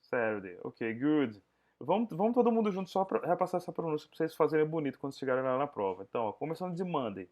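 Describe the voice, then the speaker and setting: A man's voice: a little high, very animated, a little mellow. Man teaching English over a video call. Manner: mixes English and Portuguese, drills pronunciation slowly. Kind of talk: online English class.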